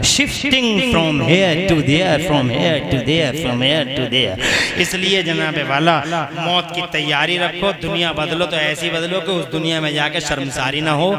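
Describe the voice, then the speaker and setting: High-pitched preacher shouting to a crowd. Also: male voice. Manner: calls on the crowd to answer, rising to loud shouts. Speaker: Islamic preacher. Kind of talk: religious speech to a crowd. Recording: loud crowd, public address sound.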